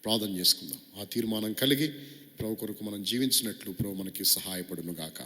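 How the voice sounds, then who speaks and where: A male pastor preaching and praying, swinging between loud exhortation and hushed pleading. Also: fairly low pitch, lively intonation, quick pace. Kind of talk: sermon and prayer. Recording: long hall reverb.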